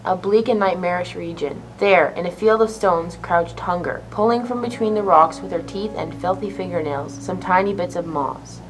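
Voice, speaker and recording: A woman narrating a myth in a measured, vivid storytelling voice for a school play. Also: lowish voice, a bit bright, low-quality recording.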